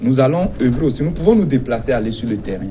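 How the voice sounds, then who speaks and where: A man from Togo representing a teachers' union, answering interview questions in a measured, insistent way with some hesitations. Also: medium pitch, big pitch swings, warm tone, a little hiss or hum.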